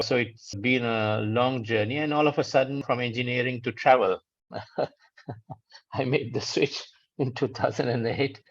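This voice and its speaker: Guest, man, 50s, from Sri Lanka; low, flat delivery over dull lo-fi audio, easygoing with frequent laughs. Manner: relaxed, laughs often, hesitant restarts. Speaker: guest, founder of a travel rating firm. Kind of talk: conversational interview answers.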